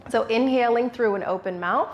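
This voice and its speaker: A woman's voice: on the high side, normal speed, lo-fi sound, noisy background. A woman yoga instructor leading a guided breathing tutorial, giving short step-by-step cues.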